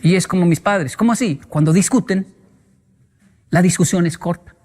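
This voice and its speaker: A man speaks to an audience in a large hall, his fairly high voice ringing with long reverb. He tells humorous stories in a motivational talk, acting out the people he quotes and imitating animal sounds. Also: moderate pace, noisy background. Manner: playful storyteller, acts out quoted voices and sounds. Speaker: speaker answering audience questions.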